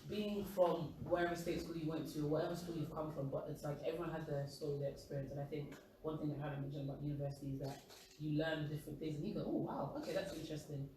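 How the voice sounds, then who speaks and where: A man's voice: a little high, level tone, rapid-fire, hardly any pauses, warm tone. A young man with a London accent speaking casually and discursively in a discussion. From East London, England. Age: young adult. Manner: rambling, discursive. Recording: very echoey room, distant mic, noisy.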